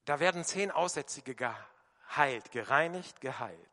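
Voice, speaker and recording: A man preaching a sermon with emphatic delivery, dropping to a hushed voice when he quotes prayers. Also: on the high side, lively intonation, unhurried. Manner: emphatic, varies loudness, quiet voicing of quoted prayers. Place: church hall. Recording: long church reverb.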